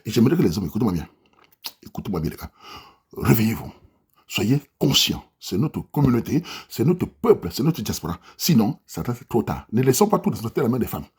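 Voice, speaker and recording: A man's voice: mid-range voice, big pitch swings, a little fast, husky. A man from Cameroon with a Cameroonian French accent, delivering an impassioned monologue rant as a vlogger, preaching and exhorting his listeners directly. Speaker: vlogger addressing his diaspora audience.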